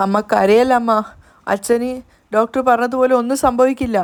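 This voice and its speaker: A woman's voice: a little high, fairly even intonation, normal speed, close to an everyday voice. A woman reading the lines of an anxious, tearful young man pleading for his father. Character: anxious grieving young man, a devoted son.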